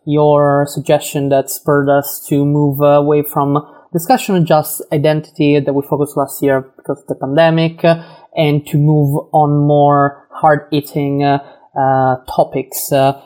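A man as a guest in a radio interview, speaking haltingly with many uhs. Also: on the high side, completely flat delivery, a little mellow. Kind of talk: interview conversation.

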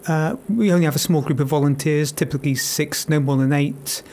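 A man's voice: on the high side, fairly even intonation, fairly quick, darkish tone. A man being interviewed as an event organiser in a radio studio, answering steadily with frequent "you know" fillers.

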